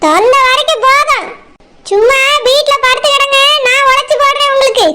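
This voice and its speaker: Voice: very high voice, moderate pace, heavy background noise. A performer voicing a reproachful young wife, speaking sharply. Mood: scolding.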